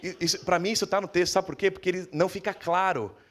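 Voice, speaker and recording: Brazilian pastor telling a lively sermon. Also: male voice, fast talker. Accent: Brazilian Portuguese. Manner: animated storytelling, acting out dialogue in a lowered voice. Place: church.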